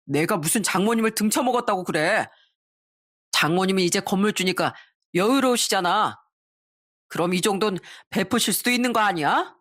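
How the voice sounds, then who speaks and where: A woman's voice: mid-range voice, moderate pace, fairly bright tone, no room sound, clean studio sound, lightly acted. A woman voicing a selfish middle-aged husband in an audio story, arguing defensively with his wife. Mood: angry. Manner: blustering, defensive.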